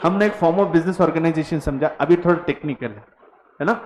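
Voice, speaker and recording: A man's voice: on the high side, normal speed, a little mellow, a little hiss or hum. Echoey teacher in a classroom, a man. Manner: mixes Hindi and English, drills students to repeat words; teasing, laughs with the class. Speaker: commerce teacher. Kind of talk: classroom lecture.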